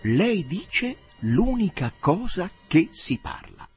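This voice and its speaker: A man raises his pitch to play a gentle, refined young woman in an audiobook reading, patient and kindly as she explains things. The voice climbs noticeably higher than the reader's own and moves in lively swoops. Faint music sits softly underneath. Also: slow, slightly rough, heavily acted. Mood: gently instructive.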